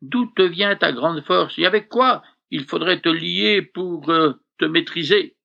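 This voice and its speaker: A man's voice: on the high side, unhurried, vocal fry, sharp tone, muffled recording, voice pushed up, exaggerated voice. A man voicing an insistent, scheming woman who pleads and cries out in alarm, lifting his voice for her. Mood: pleading.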